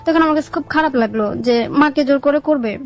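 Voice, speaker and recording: A young adult woman with a Bangladeshi Bengali accent tells her life story as an interview guest, speaking fairly quickly in a high-pitched voice. Her manner is colloquial and plain-spoken, and faint music plays in the background.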